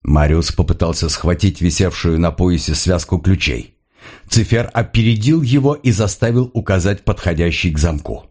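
A man narrating a thriller audiobook in a steady, grave storytelling manner. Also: deep voice, moderate pace.

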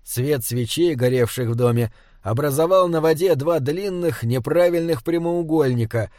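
A man's voice: a little high, moderate pace, a little mellow, no echo, studio quality. Man reading a fantasy audiobook. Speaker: audiobook narrator. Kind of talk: scripted narration.

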